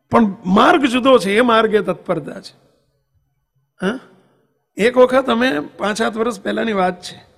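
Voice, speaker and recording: A man's voice: very high voice, gravelly, husky. A man, a monk, giving a devotional sermon with emphatic rhetorical questions and anecdotes. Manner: tells anecdotes and sings verses. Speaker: monk preacher.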